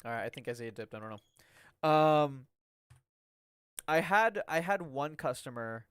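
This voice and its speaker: A young Mexican-American man chats casually on a live game stream, his voice a little high, expressive and smooth at a measured pace. He rambles along, laughing often and filling his talk with "like" and "um."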